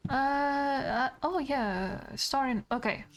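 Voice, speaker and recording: A woman's voice: sits high, slow. A woman giving casual commentary as she streams a game, chatty and swearing freely as she explains her character's thoughts.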